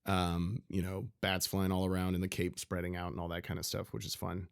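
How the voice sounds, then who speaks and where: Low-voiced man rambling about movies. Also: monotone, a little fast, vocal fry, clear, resonant tone, no echo, studio quality. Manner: rambling, lots of "you know" and restarts. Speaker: podcast co-host. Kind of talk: casual movie chat.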